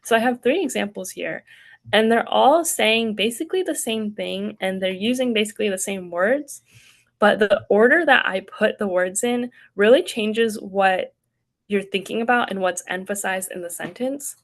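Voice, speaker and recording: A woman's voice: medium pitch, normal speed. A young woman leading an online writing workshop, explaining casually with many ums and likes over a video call.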